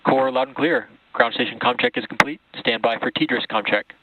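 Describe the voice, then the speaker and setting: A man's voice: mid-range voice, moderate pace. A man in mission control making formal, procedural calls over astronaut radio. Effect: radio transmission. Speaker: spacecraft communicator in mission control. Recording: dull, noisy radio link.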